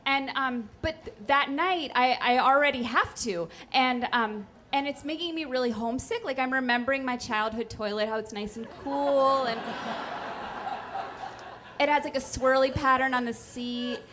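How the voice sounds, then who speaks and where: A woman's voice: high-pitched, normal speed, a bit bright, a little hiss or hum. A young woman telling a funny, self-deprecating personal story on stage, chatty and full of "like" and "um.". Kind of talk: live comic personal storytelling. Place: stage at a live storytelling night.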